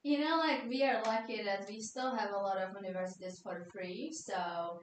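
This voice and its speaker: A young Czech woman speaks English with a Czech accent as a podcast guest, friendly and easygoing with lots of "like". Her pitch is an ordinary middle. The voice comes from off-mic in a very reverberant room with a faint hiss. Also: moderate pace, distant mic. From Czech Republic. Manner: friendly, relaxed, with frequent "like" fillers and light laughs. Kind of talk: casual interview in English.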